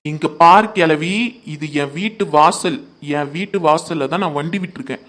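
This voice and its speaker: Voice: mid-range voice, moderate pace, fairly bright tone, close to an everyday voice. A performer voicing a feisty young woman in a cartoon who mocks and defies an old neighbour. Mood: defiant mocking. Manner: mocking, defiant.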